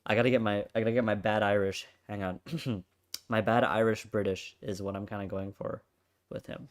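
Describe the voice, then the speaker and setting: A man's voice: on the low side, steady tone, fairly quick. Casual man dubbing a game. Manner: joking, self-deprecating. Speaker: let's play voice-over reader. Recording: game music behind.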